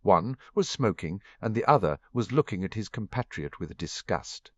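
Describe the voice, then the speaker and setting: A man's voice: lowish voice, moderate pace, no echo, highs cut off. A man narrating a fan fiction audiobook, reading expressively. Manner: expressive reading with varied voices.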